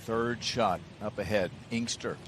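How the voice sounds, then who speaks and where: Guy doing live golf commentary, deeper voice, outdoor noise behind him. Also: a little slow. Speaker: golf commentator, lead announcer. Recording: noisy outdoor broadcast sound.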